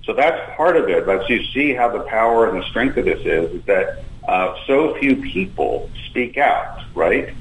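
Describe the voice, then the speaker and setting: A man phones in on a speakerphone, and his voice comes back hollow and booming, as if he were talking from inside a cave. His voice sits somewhat low, and a faint hiss runs under the line. He argues steadily and keeps checking in with a quick "right?". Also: animated. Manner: argumentative, often ends points with "right?". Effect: hollow cave-like echo of a speakerphone line. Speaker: call-in guest commentator. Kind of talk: phone-in political commentary.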